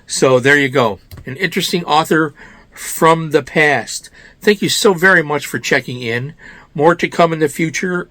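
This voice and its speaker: Slightly hoarse from a cold, an American man with a raspy, somewhat high voice hosts a book review show, talking informally and emphatically about books. He frequently asks his own questions and then answers them, speaking at a normal speed with a sharp tone in a dry recording.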